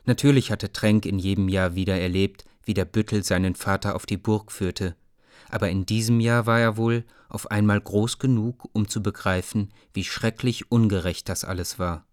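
A man's voice: on the low side, steady tone, moderate pace, no echo, clean studio sound. Man reading a children's story. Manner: addresses listeners directly, warm storytelling.

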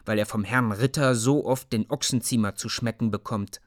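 A man's voice: medium pitch, fairly even intonation, normal speed, natural voice. A man voicing a bitter, defiant peasant boy in a storybook reading, speaking with indignant outrage. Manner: indignant, raised voice.

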